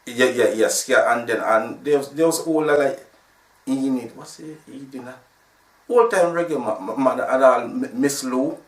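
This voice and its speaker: Captured on a distant mic with a roomy sound, a Jamaican-accented man in his sixties talks at a moderate pace and medium pitch. He founded a sound system and, in casual interview talk, tells his story in a meandering way full of restarts.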